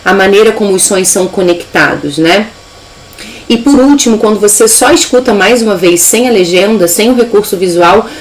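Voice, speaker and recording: A woman's voice: medium pitch, rough recording. A woman with a Brazilian Portuguese accent teaching a live online English lesson, upbeat and explaining step by step.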